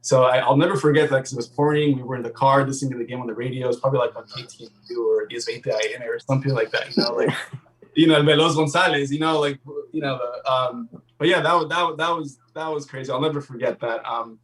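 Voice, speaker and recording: A man's voice: medium pitch, steady tone, quick pace, a bit bright, recorded from a distance, rough recording. A man co-hosting a podcast, telling a childhood story in a rambling, casual way and slipping into Spanish. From Guatemalan-American family, Southern California. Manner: rambling, mixes English and Spanish. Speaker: podcast co-host.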